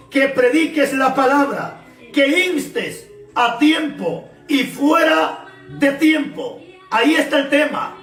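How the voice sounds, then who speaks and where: A man preaching a fervent sermon, repeating phrases and often shouting. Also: very high voice, echoey room, distant mic. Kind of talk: shouted Pentecostal-style sermon.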